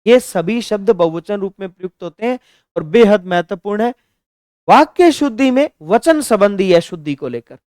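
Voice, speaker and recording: A man teaching a Hindi grammar lesson for exam preparation. He reads example sentences slowly, then corrects them emphatically. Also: sits high, lively intonation, darkish tone, no room sound, clean studio sound. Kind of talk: exam-prep grammar lecture.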